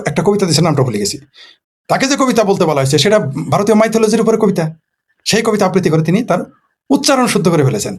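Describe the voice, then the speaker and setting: A man's voice: sits high, slightly rough. A man from Bangladesh, a political commentator in a casual late-night monologue who poses rhetorical questions and answers them himself.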